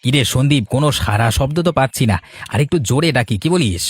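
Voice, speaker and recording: A man's voice: medium pitch, expressive, fast talker, husky, no room sound. A man voicing a hot-headed, loyal village fellow in a cartoon, speaking in an emphatic, dramatic way. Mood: calling out. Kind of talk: Bengali cartoon voice acting.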